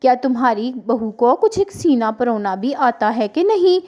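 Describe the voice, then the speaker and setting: A woman voicing a scheming, gossipy female crow who persuades a friend in an animated storybook cartoon. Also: on the high side, a little slow. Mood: nosy.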